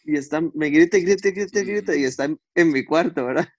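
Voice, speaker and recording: Man, young adult, Costa Rican accent, slightly high pitch, casual anecdote. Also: fairly quick, muffled recording, slight background noise. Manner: lively anecdote telling, slangy. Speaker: podcast co-host. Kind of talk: casual chat.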